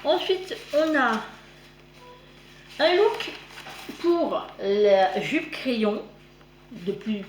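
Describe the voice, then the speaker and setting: Higher-voiced woman with a slight lisp. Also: sing-song, drawn-out words, long pauses. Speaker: host of a sewing magazine review vlog. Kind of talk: casual chatty review to camera. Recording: roomy echo, clear background noise.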